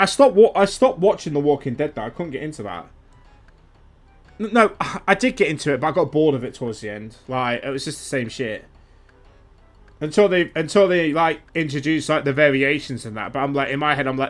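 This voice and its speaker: A young man streaming a game, chatting casually and animatedly, swearing freely. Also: a little high. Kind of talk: casual gaming chat.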